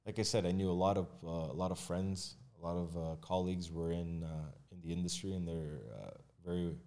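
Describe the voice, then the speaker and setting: A man's voice: low voice, little pitch movement, fairly quick, a little mellow. A man speaking as a guest in a casual podcast conversation about his work in mortgages and real estate, candid and loose, with plenty of fillers and restarts. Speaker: mortgage agent and realtor guest.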